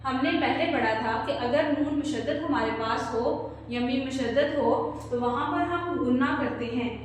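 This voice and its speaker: A woman teaching children Quran recitation with an Urdu accent, slowly modelling each word for them to repeat. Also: high-pitched, slight background noise. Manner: slow, patient, models recitation for pupils to repeat. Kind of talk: tajweed lesson for children. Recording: echoey distant room recording.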